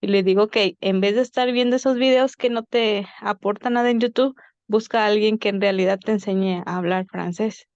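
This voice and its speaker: A mother chatting about her children, her voice smooth and clear. The audio is dull and lo-fi, dry and close. She talks in a casual, anecdotal way. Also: medium pitch, steady tone, a little fast, darkish tone, no room sound. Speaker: parent participant. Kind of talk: casual storytelling.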